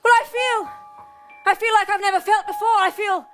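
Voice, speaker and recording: A woman's voice: very high-pitched, fairly even intonation. A woman playing a covetous, haughty sister enchanted by gold, speaking theatrically in improvised comedy. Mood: rapturous greed. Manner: slow, theatrical, swooning. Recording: background music, faint audience noise.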